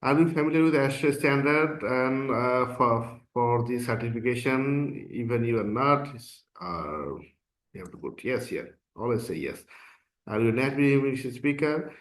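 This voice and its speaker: A course instructor from Bangladesh, a non-native English speaker whose first language is Bangla, walks through an application form step by step in a screen-recorded tutorial. His medium-pitched voice has lively intonation and an unhurried pace, and his casual explanations are peppered with "uh" and "okay."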